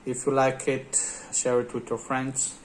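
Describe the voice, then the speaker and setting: A man's voice: medium pitch, completely flat delivery, measured pace, slight background noise, poor audio. A man hosting a tech channel, talking casually over his screen with many hesitant filler sounds. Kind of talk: casual screen-recorded commentary.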